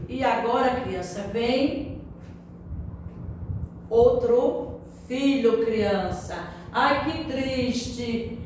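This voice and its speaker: Slow sing-song Brazilian woman teacher. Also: a little high, darkish tone. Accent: Brazilian Portuguese. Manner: slow, sing-song, keeps addressing the child, drawn-out tag questions. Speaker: Sunday school teacher. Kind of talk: Bible story for young children. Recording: echoey room, far from mic, faint background noise.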